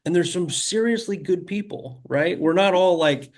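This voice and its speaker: A man co-hosting a podcast, speaking in an earnest, thoughtful, somewhat halting way. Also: high voice. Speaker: podcast co-host. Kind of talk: casual conversational chat.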